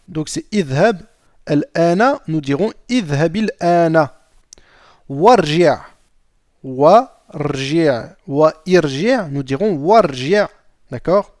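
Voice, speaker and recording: Man, teacher, high-pitched, slow delivery, patient repetition of examples, checking understanding. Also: darkish tone, no echo, clean studio sound. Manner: repeats Arabic examples slowly and checks understanding with "d'accord?". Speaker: Arabic teacher. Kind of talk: grammar lesson explaining Arabic pronunciation in French.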